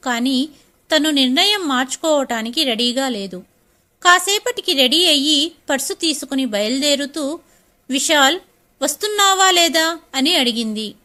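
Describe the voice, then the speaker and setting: A woman narrating a scripted audio story in a steady, clear way. Her voice is high and bright, with a sharp, forward tone. She keeps an even storytelling pace.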